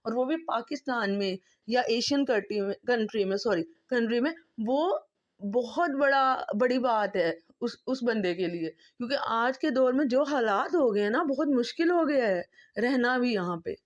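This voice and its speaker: A woman's voice: a little high, lively intonation, normal speed. A woman vlogger from Pakistan speaking an impassioned, pleading monologue, emotional and close to tears, driving her points home by repeating them. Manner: impassioned, pleading, repetitive emphasis.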